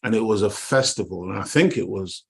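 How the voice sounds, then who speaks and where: A lowish, creaky, husky male voice comes through fairly quick on an online call. The speaker, a middle-aged Jamaican co-host of a talk show, preaches emphatically in an impassioned monologue, repeating words and addressing "dear family."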